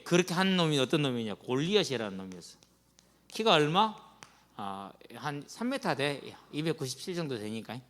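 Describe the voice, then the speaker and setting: A high-pitched, very animated man preaches to students. He tells the story in a loose, slangy way and acts out the quotes. His voice rings through a church hall with a long reverb. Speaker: pastor. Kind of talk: sermon to students. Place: church sanctuary.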